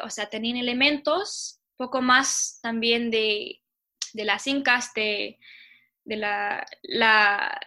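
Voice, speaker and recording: Young Chilean woman, quick chatty interviewee, higher pitch and a sharp, bright tone. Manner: talks fast, like a little bird. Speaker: interviewee, Spanish teacher. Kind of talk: casual conversation.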